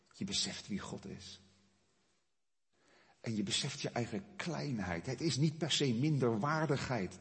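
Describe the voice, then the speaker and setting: A man preaching a sermon, his delivery swelling loud and high at the climaxes and then dropping low. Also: in a large hall. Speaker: pastor.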